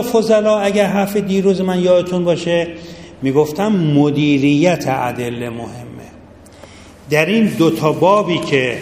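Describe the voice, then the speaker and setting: A man's voice: a little high, a little mellow, slight background noise. A middle-aged man teaching a seminary jurisprudence class, talking casually and addressing his students directly. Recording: echoey hall with long reverb, faint ambience.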